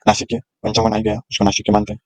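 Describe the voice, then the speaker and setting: Man slowly sounding out letters in a lesson. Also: lowish voice, monotone, low-quality recording. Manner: slow and explanatory, sounding out letters one by one. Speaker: teacher. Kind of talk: classroom lecture on grammar.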